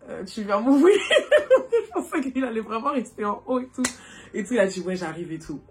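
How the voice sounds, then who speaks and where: A young woman from France telling a casual storytime to her viewers, animated and chatty, filling her talk with little asides and laughs. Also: fairly high pitch, normal speed, faint music behind. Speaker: vlogger. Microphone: phone.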